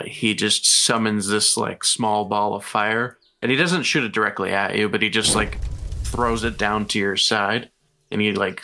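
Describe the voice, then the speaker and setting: A man running a tabletop game as game master, narrating quickly and casually with fillers. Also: fairly low pitch, sharp tone.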